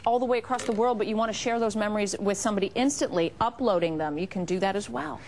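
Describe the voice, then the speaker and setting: A woman hosting a home shopping segment, pitching products live with gushing enthusiasm. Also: fast talker, a little mellow. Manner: enthusiastic, gushing over features. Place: TV shopping studio. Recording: noticeable background noise.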